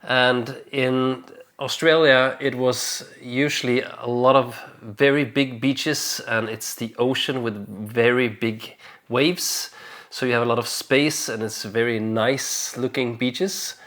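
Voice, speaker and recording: A young man, from Denmark, talking casually in a relaxed and hesitant way, with frequent fillers and restarts. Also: medium pitch, slow. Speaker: vlogger. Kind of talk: casual conversational vlog chat.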